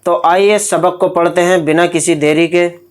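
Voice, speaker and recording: A man's voice: sits high, steady tone. A man teaching Quran recitation with tajweed, patiently explaining each rule step by step. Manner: patient, explains rules step by step, then chants verses slowly. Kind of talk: tajweed lesson with slow drawn-out recitation.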